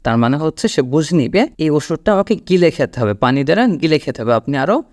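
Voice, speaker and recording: A man's voice: on the high side, big pitch swings, darkish tone, no echo. Man teaching English, dry sound. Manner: explanatory, repeats words slowly for learners. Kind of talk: online language lesson.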